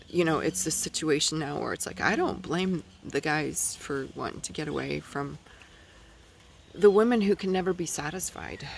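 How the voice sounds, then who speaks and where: Recorded outdoors in the wind with poor audio, a man hosts a podcast in a rambling opinion monologue. His voice is fairly high with vocal fry, and he's hesitant, with many fillers and restarts, yet blunt in his views.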